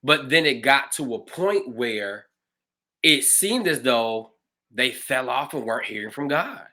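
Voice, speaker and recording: Animated, bright-voiced male pastor. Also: medium pitch, a little slow. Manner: animated, expressive storytelling. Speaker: pastor and show host. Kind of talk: casual livestream conversation.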